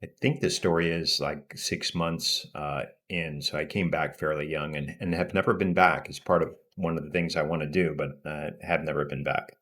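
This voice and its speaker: A man's voice: very deep voice, fairly even intonation, moderate pace, hardly any pauses, fairly bright tone. A middle-aged man born in Peru, a podcast guest talking reflectively with many restarts and fillers. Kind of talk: casual interview conversation.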